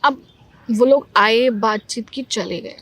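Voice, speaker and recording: A young woman, a podcast guest, telling a personal ghost story in an animated, emphatic way. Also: fairly high pitch, takes it slowly, slight background noise.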